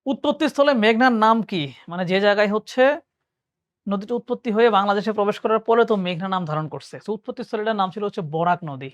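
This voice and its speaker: In studio-quality audio with no room sound, a medium-pitched, quick-speaking young adult with a Bangladeshi Bengali accent teaches an admission exam lesson. They read the exam questions out and work through each answer step by step, often reasoning aloud and fixing their own mistakes.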